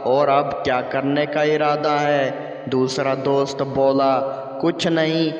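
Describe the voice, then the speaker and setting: A man reading a string of short jokes aloud in a slow, even delivery. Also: a little high. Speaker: joke reader. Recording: echoey long reverb, dull lo-fi.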